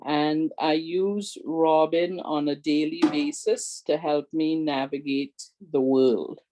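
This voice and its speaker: An older woman with a big, strong voice delivers an earnest community awareness talk as a presenter and advocate, pleading with her listeners again and again. She speaks slowly, her pitch low and her tone dark.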